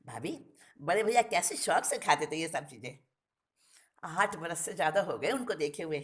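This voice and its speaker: A woman voicing a devoted young brother-in-law, speaking lower and earnestly. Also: animated, normal speed.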